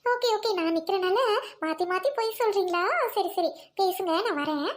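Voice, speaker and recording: A woman's voice: very high-pitched, normal speed. A woman voicing a teasing, talkative young sister-in-law with a playful manner, in an audio drama.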